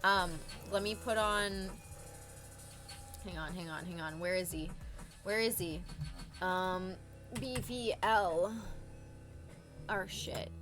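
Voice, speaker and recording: A woman's voice: lowish voice, slow, pauses often, music in the background. A young adult woman chatting casually as a streamer, with slangy, sweary stoner talk. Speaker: live streamer chatting with viewers. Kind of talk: casual chat.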